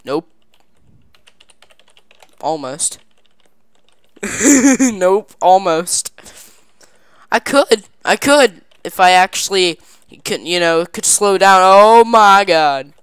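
Woman, casual gameplay commentary, goofy playful phrasing, smooth clear voice, dry close sound. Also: medium pitch, extremely slow, long pauses, no echo. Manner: excited squealing "yay" cheers and laughter. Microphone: desk microphone.

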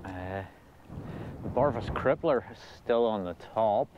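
A Scottish man thinks aloud while fishing on a windy loch shore, giving halting, low-key, unscripted commentary for his vlog. His body-worn action camera captures muffled audio full of wind and water noise.

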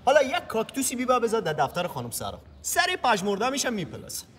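An actor playing a chatty greenhouse worker who talks in oddly formal, bookish phrases. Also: male voice, sits high, wildly swooping pitch, fairly bright tone, long reverb tail, heavily acted.

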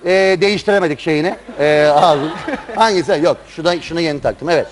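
A man's voice: a little high, fast talker, slight background noise. A man hosting a live show with informal, teasing banter, joking with the participants. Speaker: show host. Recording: live show, music and crowd behind. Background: music and a lively crowd.

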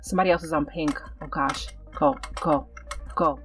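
A woman talks herself through a tricky game level, her pitch sitting a little low as she mutters directions to herself and coaxes herself on. She sounds slightly off-mic, with faint game music under her voice. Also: steady tone, normal speed, recorded from a distance. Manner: nervous, self-coaching chatter. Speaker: gaming channel host. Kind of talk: live gameplay commentary.

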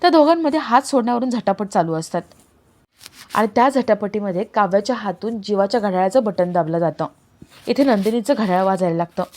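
A woman's voice: mid-range voice, darkish tone. Woman narrating a TV serial recap. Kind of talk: scripted narration.

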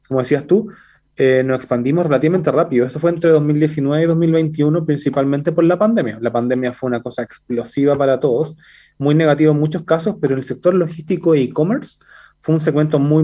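Speaking from an indoor room during a business interview by video call, this startup CEO guest, a Chilean guy in his 30s, talks fast and fluently in Chilean Spanish. He leans heavily on fillers such as "entonces" and "eh", and his voice sounds mellow and somewhat dark.

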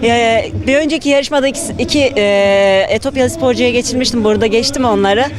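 A woman athlete from Turkey giving hesitant, halting answers in a post-race interview. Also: a little high.

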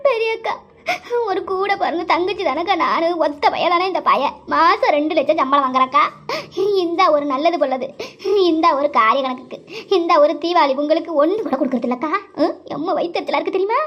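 A woman's voice: sits high, a bit bright. Woman doing a whining, hurt younger sister. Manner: plaintive, whining complaints. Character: aggrieved younger sister complaining tearfully. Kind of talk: cartoon voice acting. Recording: dull lo-fi recording.

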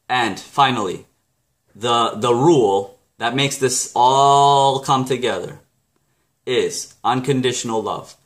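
A man's voice: mid-range voice, a bit bright. A Canadian man explaining a self-help book chapter in a casual vlog, rambling and correcting himself as he goes. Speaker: book review vlogger.

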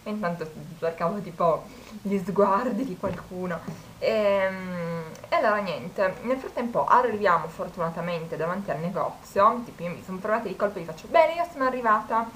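A woman's voice: fairly low pitch, moderate pace, a little hiss or hum, rough recording. A young woman, chatting casually to her viewers and telling stories in which she quotes people. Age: 20s. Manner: chatty storytelling, quoting people. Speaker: vlogger. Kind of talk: casual chat.

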